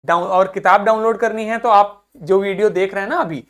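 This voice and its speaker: A young man teaching a video lesson to school students in a friendly way, drilling pronunciation slowly and repeating each word several times. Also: sits high, fairly even intonation, fairly bright tone. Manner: friendly, addresses students as children.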